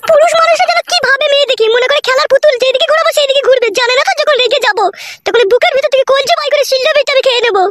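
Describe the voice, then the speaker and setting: Cartoon: a woman doing a very high, shrill, domineering wife, quick and threatening, music behind. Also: heavy background noise. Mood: scolding. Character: bossy fierce young wife, threatening her husband.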